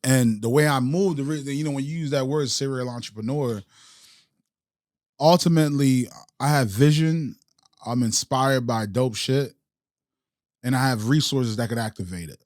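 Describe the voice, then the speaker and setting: A Haitian-born entrepreneur raised in the United States chats reflectively as a podcast guest in a casual interview, using street slang and restarting often. His mid-range, darkish voice moves at a moderate pace, recorded in studio quality with no echo.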